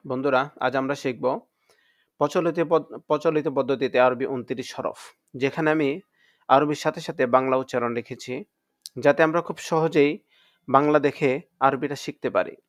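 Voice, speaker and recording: A man teaching Quran reading in a recorded lesson, with a Bangladeshi Bengali accent. He says each letter slowly three times so listeners can repeat after him. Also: medium pitch, steady tone, dry recording, studio quality.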